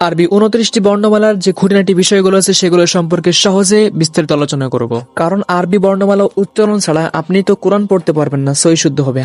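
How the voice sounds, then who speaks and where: A man teaching Arabic letter sounds in a video lesson, saying each letter slowly and then repeating it for learners to copy. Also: sits high, darkish tone, dry recording.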